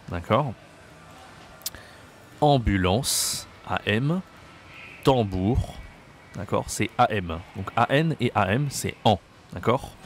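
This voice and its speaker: A man teaching a video lesson on pronunciation, slow and patient, repeating words and checking that the listener follows. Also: on the low side, a little hiss or hum. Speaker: French teacher. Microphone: camera mic.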